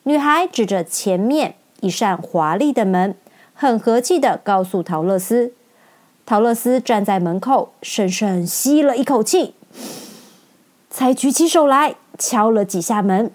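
A woman storyteller reading a children's story aloud in an expressive, lively way. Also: on the high side, unhurried.

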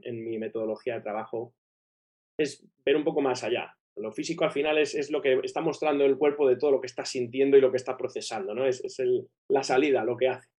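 A man's voice: medium pitch, a little mellow. A man with a broken, operated nose and a nasal dilator, explaining things enthusiastically as an interview guest, often checking in with tag questions. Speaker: guest breathing coach.

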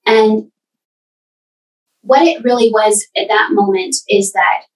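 A woman's voice: mid-range voice, fairly even intonation, faint music behind. Earnest lady sharing her story, stops and restarts a lot, sounds a little far from the mic. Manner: earnest, halting, many restarts. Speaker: podcast guest. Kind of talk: candid personal storytelling.

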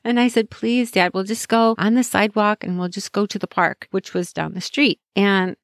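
A woman's voice: mid-range voice, fairly even intonation, normal speed, no echo. A middle-aged woman hosting a motivational podcast, telling stories in an upbeat, chatty way with frequent laughter, close to the mic. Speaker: podcast host. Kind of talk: casual motivational podcast chat.

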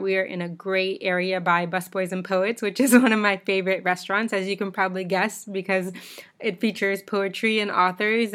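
A woman's voice: fairly low pitch, a bit bright, smooth. A woman in her thirties from the United States, hosting her own podcast in a chatty, informal way with small laughs and restarts. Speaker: podcast host. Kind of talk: solo podcast talk.

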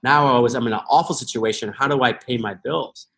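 A man's voice: mid-range voice, brisk, creaky, fairly bright tone. An American man in his thirties, a podcast guest, talking earnestly and thoughtfully, often restarting his sentences. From United States. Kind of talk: reflective interview talk.

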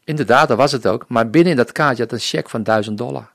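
In an interview, a Dutch missionary earnestly recounts his faith story, frequently performing the dialogue he remembers. He talks fast in a medium pitch with vocal fry, and the studio-quality recording has no echo.

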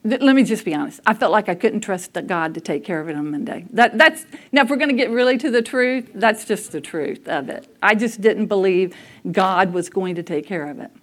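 A woman's voice: mid-range voice, animated, a little fast. A woman preaching a conversational sermon, telling personal stories candidly and laughing at herself. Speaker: speaker at a church service.

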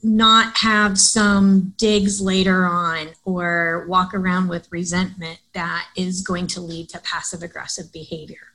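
A woman co-hosting a podcast, explaining points in a measured way in casual discussion. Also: on the low side, level tone, pushed and bright, poor audio. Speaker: podcast co-host.

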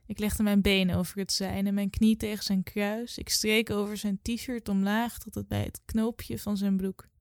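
A woman in her twenties reading her own literary story aloud in a calm, measured way. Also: mid-range voice, dry recording, clean studio sound. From Netherlands. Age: 20s.

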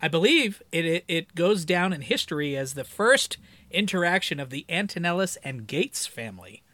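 A man's voice: on the high side, big pitch swings, normal speed, pushed and bright, dry recording. A man from the Greater Boston area co-hosting a podcast, joking and wry with a habit of swearing for laughs. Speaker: podcast co-host. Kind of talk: casual chat.

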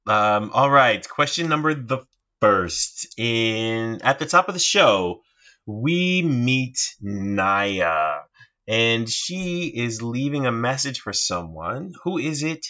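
A man hosting a podcast quiz, talking slowly and hesitantly with many fillers. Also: medium pitch, big pitch swings, sharp tone. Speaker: podcast host running a quiz. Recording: dull lo-fi recording.

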